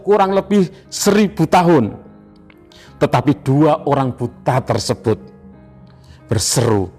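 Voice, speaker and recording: Slow, high-voiced Indonesian preacher. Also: male voice, darkish tone. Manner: slow, emphatic preaching with repeated phrases. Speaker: pastor. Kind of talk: evening devotional sermon.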